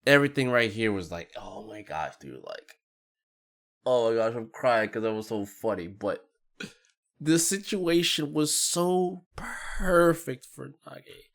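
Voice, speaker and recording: A man hosting a casual match analysis, talking in an excitable, slangy way and laughing often. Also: mid-range voice, a little slow.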